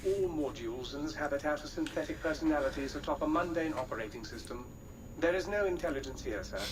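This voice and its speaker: A man's voice: fairly high pitch, distant mic, noisy background, close to an everyday voice. A man playing an obsequious electronic valet in a video game, with a posh British accent and florid, deferential speech. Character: obsequious electronic valet, male robot butler.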